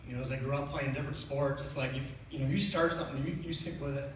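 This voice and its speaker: A middle-aged man delivers a eulogy in a tender, halting voice of middling pitch, faltering over his phrases. The recording is very echoey and picked up from a distance in a large room, with faint noise underneath. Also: fairly even intonation, fairly bright tone. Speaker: son giving a eulogy. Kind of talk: personal funeral speech, partly read from notes. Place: large reverberant indoor room.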